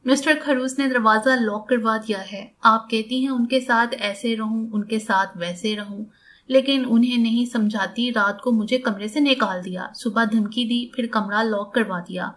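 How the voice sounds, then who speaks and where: A woman's voice: fairly high pitch, fairly even intonation, close to an everyday voice. A woman voicing a sassy, talkative twenty-year-old woman doctor in an audiobook, cheeky and defiant.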